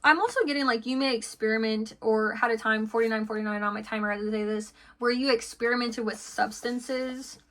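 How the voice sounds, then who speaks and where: A woman's voice: a little high, fairly even intonation, fairly quick, few pauses, a bit bright. A woman giving an intuitive tarot reading to her viewers, chatty and full of "okay" and "like" fillers. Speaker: tarot card reader.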